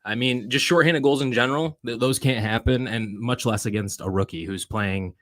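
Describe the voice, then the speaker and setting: A man co-hosting a sports podcast, venting in a frustrated, swearing rant full of rapid rhetorical questions. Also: mid-range voice, fairly bright tone, no echo. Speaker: podcast co-host.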